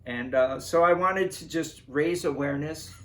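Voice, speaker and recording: Guest guy, a bit high voice, dry deadpan delivery, some faint noise in the back. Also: moderate pace. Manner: dry, mock-serious, deadpan. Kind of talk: casual chat.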